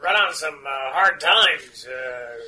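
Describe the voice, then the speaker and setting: A man playing in a tabletop game, talking haltingly with many pauses and fillers. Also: a little high, animated, a crowd in the background. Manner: halting, full of uhs. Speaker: player. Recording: noisy line with clicks.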